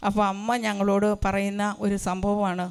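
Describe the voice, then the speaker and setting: A woman's voice: medium pitch, flat delivery, moderate pace, clear, resonant tone. A religious sister giving an earnest testimony in a church hall, asking her listeners rhetorical questions. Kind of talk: sermon testimony.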